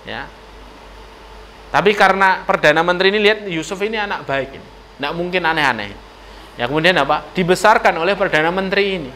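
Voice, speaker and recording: A man with a Javanese accent delivers a sermon in a mosque, telling the story in a lively, playful way and often speaking straight to the women listening. His voice sits a little high, and a faint hiss runs under it. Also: fairly quick. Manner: lively storytelling, addresses audience as ladies. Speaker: preacher. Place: mosque hall.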